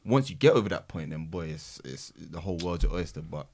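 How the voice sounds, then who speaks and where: A man's voice: low-pitched, lively intonation, fairly quick, vocal fry, darkish tone. A young man with an urban London accent, reflective and slangy as he talks things through in casual group chat. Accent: London, urban slang speech.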